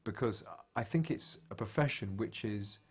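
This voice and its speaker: A man's voice: fairly low pitch, normal speed, husky. A man who builds guitars, speaking thoughtfully in an interview and often stopping to restart and repeat words. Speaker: guitar maker. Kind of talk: reflective interview talk.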